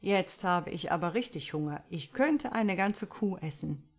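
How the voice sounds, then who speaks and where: A woman's voice: lowish voice, lively intonation, a little slow. A woman reading an audiobook, voicing a playful man who teases his fiancée. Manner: playful, teasing. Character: teasing joking man, a bridegroom-to-be.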